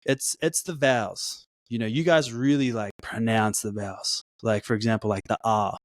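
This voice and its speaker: A Melbourne man guesting on a podcast, his Australian accent drifting toward American, chats loosely and casually, dropping "like" and "yeah" all the time. His voice sits lowish at a normal speed, recorded dry with clean studio sound.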